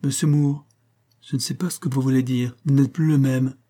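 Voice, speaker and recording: A man's voice: mid-range voice, little pitch movement, normal speed, mellow, voice pushed up, close to an everyday voice. A man reading an audiobook aloud, voicing a proud, spirited young heiress in a lifted voice. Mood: flustered.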